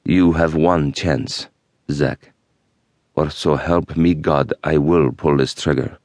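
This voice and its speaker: A man voicing a cold, threatening male captor with a Middle Eastern accent and a deep, resonant voice. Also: steady tone, a little mellow, no echo, clean studio sound. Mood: menacing. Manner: slow, low, threatening.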